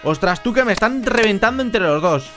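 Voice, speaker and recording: Casting: joking Spanish man from Spain, high voice, gaming commentary into a headset, faint music under it. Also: animated, a little fast. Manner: chatty, joking, bursts into shouts. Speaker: Minecraft gameplay YouTuber. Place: at home.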